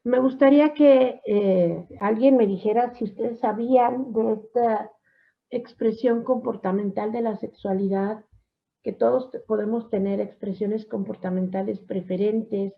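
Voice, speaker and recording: A woman psychology teacher giving a class lecture, often affirming with a soft "ujú" and asking her students questions. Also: fairly high pitch, unhurried, vocal fry. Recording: dull lo-fi recording.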